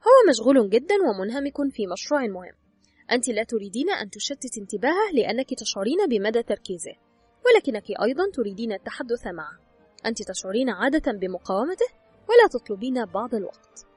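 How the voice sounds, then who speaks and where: A woman reads an advice book aloud, speaking straight to the listener in an instructive tone. Her voice is breathy and a little high, with a very lively rise and fall. She moves quickly, and faint music sits under her. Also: dry recording. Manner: instructive, addresses the listener directly. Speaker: audiobook narrator. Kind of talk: scripted narration of an advice book.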